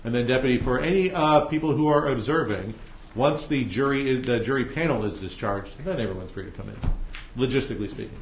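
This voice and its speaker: An American man with a mid-range voice presides over a trial as judge, giving informal instructions to jurors in a conversational, halting way. The indoor courtroom audio is echoey, muffled and noisy.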